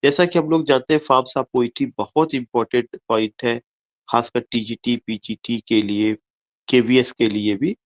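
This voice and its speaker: Male tutor, deliberate and repetitive, asks and answers his own questions; muffled low-fi audio. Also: steady tone. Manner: repeats each point and quizzes himself aloud; reads English slowly word by word, explains in quick Hindi. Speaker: English literature teacher. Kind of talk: exam-prep lecture mixing Hindi and English.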